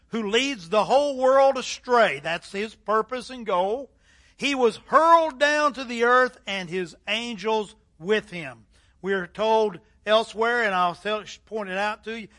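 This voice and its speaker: A middle-aged man preaching a sermon, emphatic, with dramatic pauses and swings between loud and soft. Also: high-pitched. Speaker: pastor.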